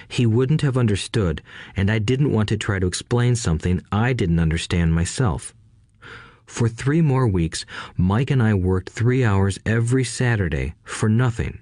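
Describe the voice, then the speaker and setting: A man narrating an audiobook in a steady, measured storytelling manner. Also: lowish voice, dry recording, studio quality.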